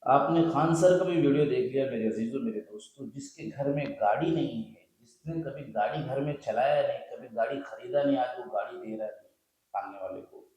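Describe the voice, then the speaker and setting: A man's voice: mid-range voice, moderate pace, darkish tone. A man hosting his video channel, delivering an impassioned social sermon and repeating his lines for emphasis. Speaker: video host. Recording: very echoey room.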